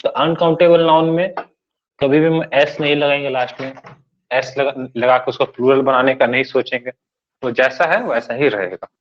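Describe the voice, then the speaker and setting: Male tutor at mid pitch, patiently walking students through grammar points and checking they follow; muffled recording. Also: moderate pace. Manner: explains step by step, checks understanding often. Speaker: English grammar teacher. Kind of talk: classroom grammar lesson. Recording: dull lo-fi recording.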